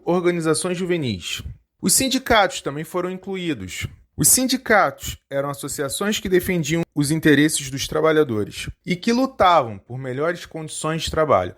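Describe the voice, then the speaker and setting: A man hosting a history channel, reading out a lecture steadily and slowing down on foreign terms. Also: fairly high pitch, fairly bright tone.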